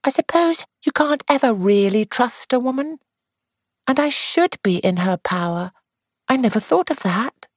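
A woman's voice: on the high side, expressive, measured pace, no echo, voice pushed up. A woman reading aloud and voicing a young actress who sounds anxious, dramatic and confiding.

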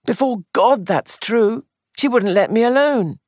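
A reader voicing a distraught young man accused of murder, pleading in a high, shaky voice. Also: expressive, a little slow, no room sound, studio quality, lightly acted. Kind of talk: audiobook character voice.

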